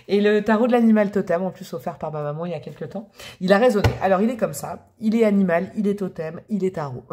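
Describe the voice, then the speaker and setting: A woman's voice: mid-range voice, a little mellow, a little hiss or hum. Chatty woman doing a tarot reading. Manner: chatty and affectionate, calls viewers pet names; enthusiastic, often exclaims over the cards. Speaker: tarot reader. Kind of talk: casual tarot card reading.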